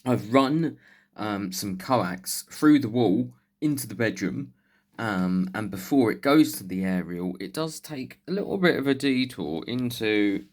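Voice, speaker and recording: Speaking a little slowly, with lively intonation and a voice on the low side, this southern English man is a CB radio hobbyist. His off-the-cuff vlog is informal and chatty, peppered with British slang.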